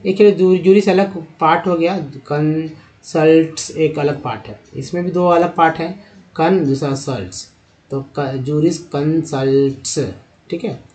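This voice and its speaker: A man's voice: a little high, darkish tone. A man teaching English pronunciation in Hindi, asking questions and answering them himself and drawing out words syllable by syllable. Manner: drags out words and syllables when sounding them out. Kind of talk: Hindi-medium phonics lesson.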